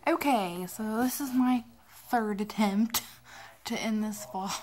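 A woman's voice: medium pitch, slow pace, a little mellow, a little hiss or hum. A woman in her twenties rambling casually to camera in a vlog, sounding sick, tired and drowsy. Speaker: vlogger. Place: small cluttered bedroom, indoors.

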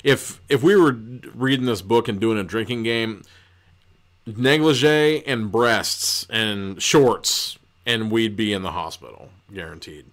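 A man's voice: fairly low pitch, a little slow. Rambling, profane man recapping a book. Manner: rambling, profane, lots of fillers. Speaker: podcast host reviewing books.

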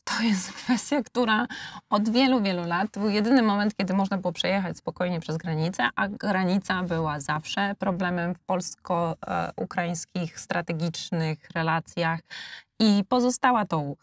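A woman in her forties with a Polish accent takes part in a panel debate, pausing often with fillers and restarting phrases. Her voice sits fairly low. The lapel mic gives a close, dry sound with no room echo. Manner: hesitant, many fillers and restarts. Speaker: debate guest, international relations expert. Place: studio with blue backdrop.

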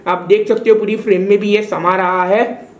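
A man's voice: high voice, little pitch movement, normal speed. Chatty young man vlogging at home. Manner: chatty, playful, addresses viewers as guys. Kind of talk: casual vlog chat.

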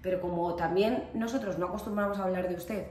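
A woman with an accent from Spain, telling a story to camera in a chatty, animated way, full of fillers and asides. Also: lowish voice, quick pace. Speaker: vlogger. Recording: echoey room with faint ambient noise.

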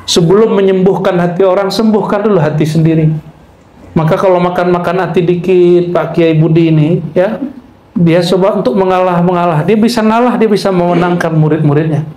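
Man, religious lecturer, humorous, quizzes listeners, recites Arabic, fairly high voice, roomy echo. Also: steady tone, a little fast, dark tone. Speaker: Islamic mysticism teacher. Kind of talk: religious lecture to a live audience. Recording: echoey room with faint background noise.

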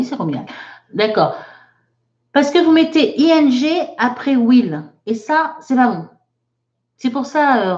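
A woman's voice: medium pitch, a little mellow, dull audio. A woman, teaching a live online English lesson, reading out viewers' chat sentences and patiently correcting them. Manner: slow, careful, patient explaining.

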